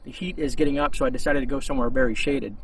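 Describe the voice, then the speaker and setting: In a shaded outdoor spot, a gear review host speaks to camera in an unscripted, rambling, conversational manner. His mid-range voice stays steady but races along with a breathy edge, and the distant mic catches faint noise from outside.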